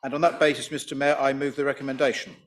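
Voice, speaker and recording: A man as a councillor moving a motion, speaking in fluent, measured, formal sentences. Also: mid-range voice, flat delivery.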